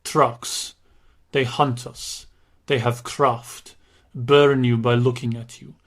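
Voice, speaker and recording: Audiobook brute: male narrator doing a huge menacing prisoner woman, very deep, slow, monotone, broken accented speech. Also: lightly acted. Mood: grim. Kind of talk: audiobook character voice.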